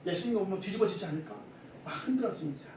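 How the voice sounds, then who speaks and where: A man preaching a lively Sunday sermon from the pulpit. His voice sits high and rings through a big echoing church. He is picked up from a distance over a faint hiss. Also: racing. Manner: lively preaching, asks the congregation questions. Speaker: pastor. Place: church sanctuary. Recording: echoey hall from far off, faint hiss.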